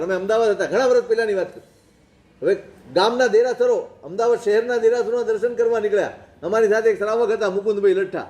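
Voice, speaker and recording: A man preaches a sermon in a notably high voice, working through anecdotes and pointed rhetorical questions. His voice rings with the echo of a reverberant room. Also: a little mellow. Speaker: Jain monk preacher. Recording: roomy echoing recording.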